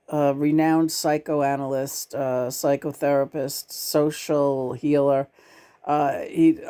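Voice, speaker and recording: Halting, reflective woman hosting a chat. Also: low-pitched, warm tone. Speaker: host and channeler.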